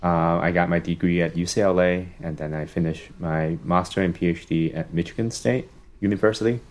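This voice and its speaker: A young psychology professor from Hong Kong, appearing as a guest on a casual podcast, tells a long story in a relaxed way, full of "um"s and "you know"s. His voice is deep and fairly quick.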